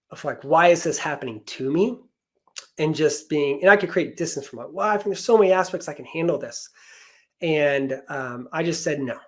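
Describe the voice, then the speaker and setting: Man, 30s, podcast guest, earnest, emotional storytelling, fairly high voice. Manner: earnest, emotional, speaks of faith. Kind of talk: personal storytelling.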